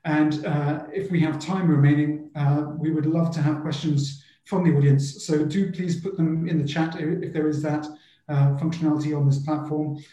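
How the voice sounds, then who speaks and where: A man moderating an online panel, talking in a halting way with frequent ums and uhs. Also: fairly high pitch, flat delivery, warm tone, echoey room, low-quality recording.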